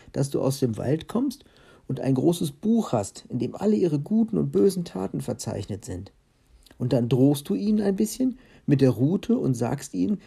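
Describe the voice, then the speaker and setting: A fussy, nervous organizer from a children's storybook, read by a man. He instructs urgently and insistently in a slightly raised, husky, gravelly voice. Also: fairly high pitch, mellow, pitched above the performer's own voice, exaggerated voice. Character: fussy nervous male organizer coaching a gruff robber.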